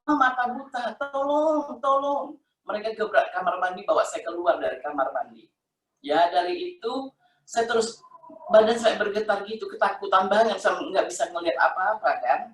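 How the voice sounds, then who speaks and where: A woman's voice: medium pitch, brisk. Brief: middle-aged woman, heartfelt repetitive testimony, roomy sound, mic set far off. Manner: emotional, repetitive, conversational storytelling. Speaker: testimony giver. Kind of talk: personal faith testimony.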